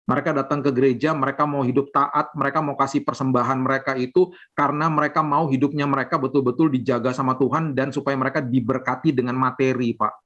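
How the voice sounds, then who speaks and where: A man pastor preaching casually over a video call, rising in pitch when he acts out people's complaints. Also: fairly even intonation, fast, fairly bright tone. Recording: dull lo-fi video call audio.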